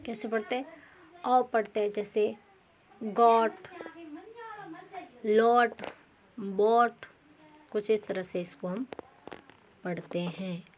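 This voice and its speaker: A woman teaching pronunciation rules, repeating examples and asking herself rhetorical questions, often pausing with fillers and correcting herself. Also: mid-range voice, mellow. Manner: slow, repetitive, quizzes with rhetorical questions; frequent fillers and self-corrections.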